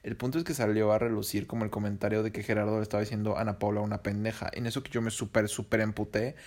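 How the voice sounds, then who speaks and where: A man's voice: lowish voice, level tone, very fast, a little mellow. A young man with a Mexican accent telling a personal story in a casual, slangy, profane and rambling way.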